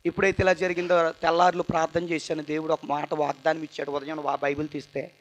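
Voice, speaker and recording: High-voiced young man giving a church testimony. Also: flat delivery, fast. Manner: earnest, swings between loud outbursts and quiet asides. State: tired. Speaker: testimony speaker at a church youth meeting. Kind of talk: emotional testimony sermon.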